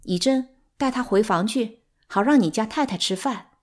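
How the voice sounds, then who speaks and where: A woman's voice: a little high, normal speed, voice pushed up, close to an everyday voice. A woman voicing a cheerful, chatty aunt of the household in a storybook reading.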